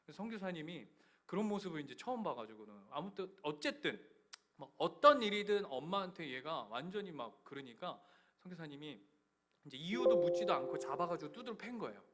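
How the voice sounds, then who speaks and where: A male pastor giving a Christmas sermon in a church, telling stories with sudden loud bursts and hushed, nearly whispered passages. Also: fairly high pitch, very animated, brisk. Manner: storytelling preacher swinging from loud emphatic bursts to hushed near-whispers. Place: church sanctuary.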